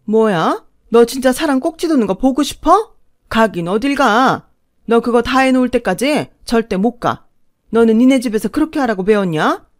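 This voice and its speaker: Woman doing a shrill older mother-in-law. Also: expressive, moderate pace, no echo, clean studio sound, lightly acted. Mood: angry. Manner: shrill, shouting, gushing.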